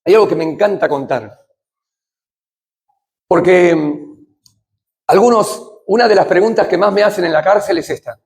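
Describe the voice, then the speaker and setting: A middle-aged man with a Rioplatense Spanish accent giving a church talk on addiction, speaking conversationally, asking his listeners questions and swinging between loud and hushed. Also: high voice, normal speed, long pauses, breathy edge. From Argentina.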